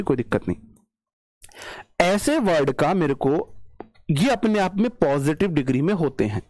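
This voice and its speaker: Lively-voiced male English teacher. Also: fairly high pitch, no room sound. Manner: explains by repeating, drawn-out word demonstrations; chatty, teasing asides to students. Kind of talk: online class lecture.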